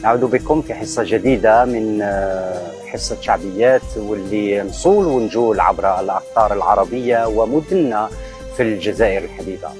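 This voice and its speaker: A man presenting a TV poetry program, speaking formally and pausing often with fillers. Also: lowish voice, darkish tone, soft background music. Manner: halting, with frequent filler pauses. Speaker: TV host.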